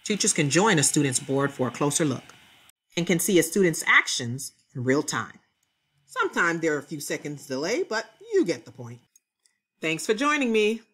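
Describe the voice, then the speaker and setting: Over a screen recording of software, a female teacher walks through clear instructions one step at a time. She speaks in a low, lilting voice at an ordinary speed.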